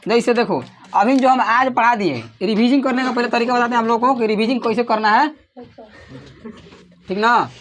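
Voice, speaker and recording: A man with a Bihari Hindi accent teaching a class, calling out questions for the students to answer together and sometimes raising his voice almost to a shout. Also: very high voice, moderate pace, pauses often. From Bihar, India. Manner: raises his voice to a near shout at times. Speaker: coaching teacher.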